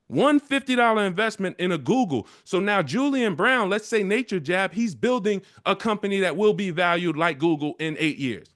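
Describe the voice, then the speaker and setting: A man with a notably high-pitched voice delivers a motivational speech to an assembly. He drives his points home with emphatic, repetitive rallying lines, taking questions as the session's leader. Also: animated, moderate pace, hardly any pauses, fairly bright tone. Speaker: community leader addressing an assembly.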